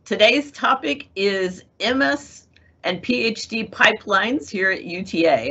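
A middle-aged woman, an assistant dean, moderates a video-call panel, handling introductions in a friendly, organized manner. Her medium-pitched voice is bright but slightly rough, and the call audio comes through muffled, dull and lo-fi.

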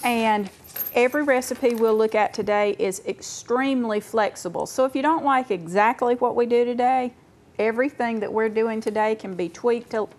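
A middle-aged woman guest cook on a TV studio kitchen set, explaining in a clear, measured way, on a lapel mic. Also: a little high, a little mellow. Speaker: guest cook, extension educator. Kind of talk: cooking demonstration.

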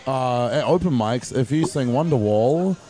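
A man's voice: mid-range voice, animated, unhurried, warm tone. A man in casual chat explaining house rules, blunt and sweary.

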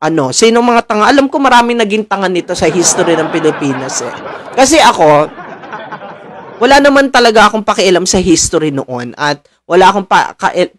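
A young man from the Philippines ranting to his viewers, animated and preachy, mocking officials and laughing between lines. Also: high voice, dry recording, studio quality. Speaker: political commentator. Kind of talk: casual ranting monologue to viewers.

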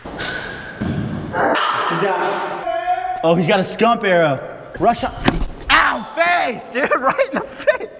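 A young man with a high, lively voice talks fast and excitedly, laughing and shouting as a game plays out around him. He films on an action camera inside a big warehouse garage, so his voice rings with a long reverb over loud clattering. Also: vocal fry, heavy background noise. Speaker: vlogger. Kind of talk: casual group vlog banter. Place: large warehouse garage indoors.

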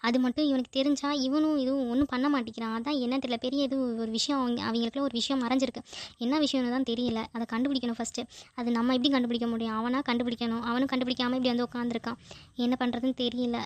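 A fretful old village grandmother who scolds in a torrent of rapid questions, voiced by a woman for a homemade cartoon. She has a raised, fairly flat pitch. The recording is close and dry. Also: no room sound, close to an everyday voice. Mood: worried. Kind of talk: Tamil cartoon voice acting.

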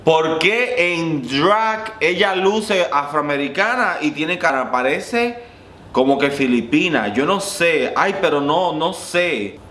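A man giving playful, bawdy reaction commentary as a drag queen, laughing often and swinging between high squeals and low purrs. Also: lively intonation, slow, sharp tone, echoey room.

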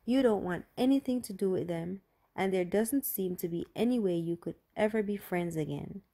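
A woman narrating a children's Bible story in a gentle, carefully read manner. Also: medium pitch. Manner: slow, gentle, clearly read.

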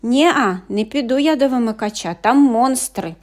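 A woman's voice: fairly high pitch, moderate pace, voice pushed up, natural voice. A woman voicing a cheeky little sister. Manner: indignant, sly. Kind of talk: audiobook fairy tale reading.

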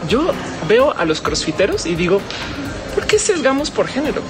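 A man's voice: very high voice, huge pitch swings, normal speed, over music. A man in his thirties with a Mexican accent, a YouTuber interviewing a guest in a playful, joking way. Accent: Mexican Spanish. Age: 30s. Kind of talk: casual interview. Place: indoors, large stone-walled public building.

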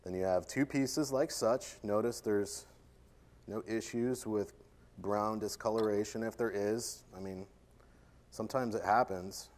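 A man with a somewhat low voice leads a live cooking demo from a conference stage. He talks as a chef, chatty and self-deprecating, with playful jokes aimed at the audience. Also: a little slow, darkish tone. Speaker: chef giving a cooking demonstration.

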